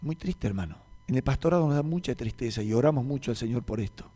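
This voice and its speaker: A man with a Rioplatense Spanish accent, a pastor preaching a sermon and telling stories, who moves from quiet, low passages to loud, emphatic peaks. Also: lively intonation, fast talker. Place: church meeting hall. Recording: reverberant church hall.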